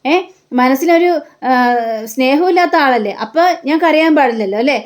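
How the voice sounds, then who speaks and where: A woman's voice: sits high, lively intonation, normal speed. A woman voicing a bitter, scolding mother. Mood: wounded. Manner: reproachful, wounded. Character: middle-aged mother, bitter, self-pitying and scolding.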